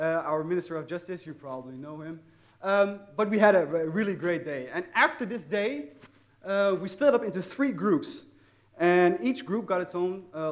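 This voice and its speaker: Young man, Dutch accent, high voice, hesitant, repeats himself, self-mocking, speaking to an audience. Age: young adult. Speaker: student speaker. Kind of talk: personal story told to an audience.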